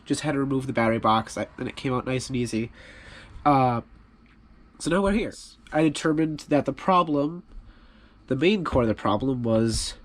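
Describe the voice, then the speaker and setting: On his hobby channel, a man with a medium-pitched voice made stuffy by a cold talks casually through a repair. He is relaxed, rambling, and self-deprecating.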